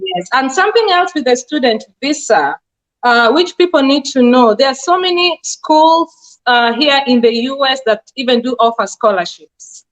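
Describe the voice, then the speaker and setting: A Kenyan nurse practitioner in her forties answers interview questions in an earnest, explanatory way, using many fillers. She speaks with a Kenyan accent in a high-pitched, expressive voice at a moderate pace. The recording has a dull, lo-fi sound.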